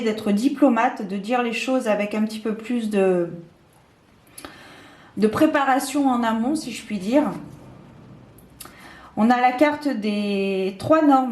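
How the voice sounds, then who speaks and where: A woman's voice: fairly high pitch, a little mellow. Hesitant woman reading tarot, echoey room. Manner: hesitant, many fillers and restarts. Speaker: tarot card reader. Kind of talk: casual tarot reading to camera.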